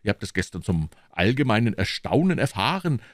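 A man reading aloud and voicing a boastful, self-satisfied male musketeer, loud and smug. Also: fairly low pitch, sing-song, brisk, no echo, clean studio sound, pitched above the performer's own voice.

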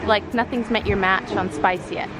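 A woman's voice: mid-range voice, fairly even intonation, normal speed. A woman in her twenties chatting casually in a teasing way, as a vlogger does. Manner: teasing, giggly. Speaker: travel vlogger behind the camera. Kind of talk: casual chat. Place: outdoors at roadside food stalls. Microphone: handheld camera, close or at arm's length. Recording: loud street and traffic noise.

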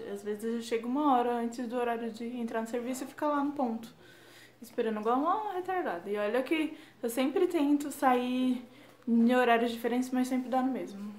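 A woman's voice: a little high, reverberant. A young woman from Brazil talking casually in a self-deprecating, chatty way as a vlogger at home. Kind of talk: casual chat.

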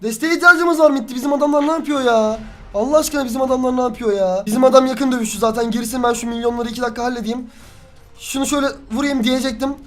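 An excitable young man commentates his own match as he plays it. He swears freely and yells at his teammates. Faint background music runs under his voice. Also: very high voice, quick pace. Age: young adult. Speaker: gaming youtuber. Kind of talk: live gameplay commentary.

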